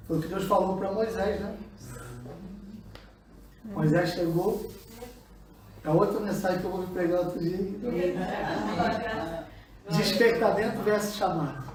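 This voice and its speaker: A man's voice: high voice, unhurried, pauses often. A man preaching a sermon as pastor, pressing the congregation with call-and-response questions. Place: church hall with congregation. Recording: echoey church room, mic far off, congregation.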